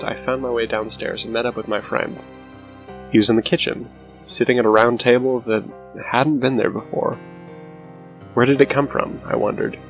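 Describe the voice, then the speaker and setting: A man reading a scripted scary story as narrator, with a low, hushed, haunting delivery and a gravelly creak in his voice. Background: music under the voice.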